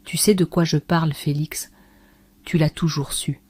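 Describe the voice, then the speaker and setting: A calm, resigned aunt in her sixties, as a woman narrator puts her on, speaking low and steady in an audio story. Her tone is dark and mellow, and it sits dry and close to the mic. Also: no echo, close to an everyday voice. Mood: calm intimate. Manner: calm, measured, intimate. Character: 65-year-old aunt, calm, resigned, insistent.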